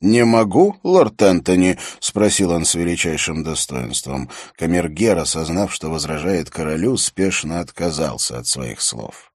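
A man reading an audiobook aloud in a measured, steady storytelling manner. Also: very deep voice, husky, no echo, clean studio sound. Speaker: audiobook narrator. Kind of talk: audiobook narration.

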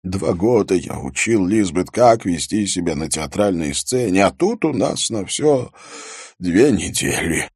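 A man's voice: sits low, expressive, unhurried, a little mellow, slightly rough, no room sound, clean studio sound, full character voice. A man voicing an anxious, emotional middle-aged theatre producer, nervous and fussy.

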